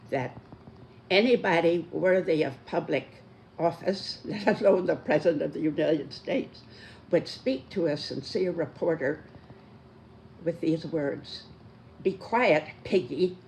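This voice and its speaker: A very old person in their nineties giving a prepared talk in a deliberate, emphatic elderly manner. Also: medium pitch, creaky, darkish tone, a little hiss or hum. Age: 90s.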